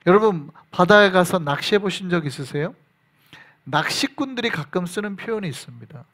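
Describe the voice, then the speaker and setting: A male pastor delivering a sermon with a high, lively voice that swings widely up and down. He preaches in an animated way, bursting into shouted quotes and dropping to hushed whispers. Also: brisk. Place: church sanctuary.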